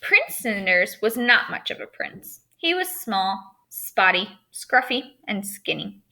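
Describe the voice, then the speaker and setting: An elementary school writing teacher gives a remote lesson with a storybook read-aloud, explaining and putting questions straight to her pupils. Her medium-pitched voice is very animated, creaky, bright and forceful, and she takes her time.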